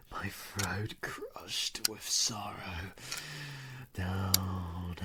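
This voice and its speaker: A man acts a grieving werewolf villain in a scripted audio roleplay monologue, bitter and powerful as he mourns his mother. He speaks with a low British voice, slow, theatrical and anguished, often breathy and half-whispered, with noise in the background.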